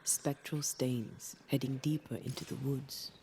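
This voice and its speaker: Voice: medium pitch, flat delivery, unhurried, mellow, lightly acted. An actor voicing a cool, observant ghost hunter's companion in a video game, precise, articulate and skeptical. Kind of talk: dramatic video game voice acting. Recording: faint ambient noise behind.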